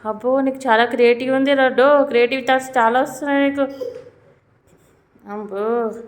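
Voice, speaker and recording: A woman's voice: high-pitched, fairly even intonation, normal speed. A young woman, chatting casually with a small child and coaxing answers with playful questions. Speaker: family member filming a child.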